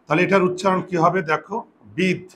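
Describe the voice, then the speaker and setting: Fairly high-voiced man teaching a lesson. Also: steady tone, brisk, fairly bright tone, slight background noise. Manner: explanatory, asks the class questions. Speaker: Bengali grammar teacher. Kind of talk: classroom lesson on pronunciation.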